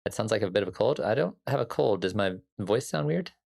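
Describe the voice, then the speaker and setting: His voice is lowish, expressive and fast, creaky with a slightly mellow, scratchy edge. Hosting a casual music production stream, this man chats loosely with lots of fillers, calling out viewers by name and responding to chat.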